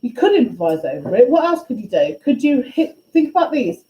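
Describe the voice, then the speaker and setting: A woman teaching a music class, questioning and encouraging her students in a brisk way. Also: on the high side, very animated, muffled recording. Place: school classroom. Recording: echoey classroom, faint ambience.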